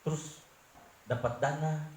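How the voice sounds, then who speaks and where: A middle-aged pastor with a Manado accent preaches in a fairly high voice. The room around him rings with echo, and a faint hum of ambience sits underneath. He shifts between hushed, confiding stretches and raised, insistent emphasis. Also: steady tone, slow pace. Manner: earnest preaching, sweeping from low confiding tones to raised emphatic ones. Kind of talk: sermon. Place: church hall.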